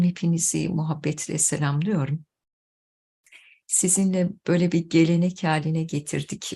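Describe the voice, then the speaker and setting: A woman, middle-aged, giving a measured, earnest religious talk to her followers as their teacher. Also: low-pitched, gravelly, a little mellow, breathy edge.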